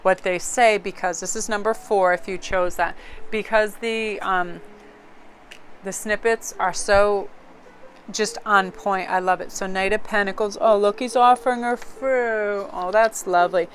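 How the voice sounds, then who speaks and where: A woman's voice: mid-range voice, steady tone, unhurried, a bit bright, a little hiss or hum. A woman casually reading tarot cards aloud, chatty and rambling, often breaking into laughter. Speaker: tarot card reader.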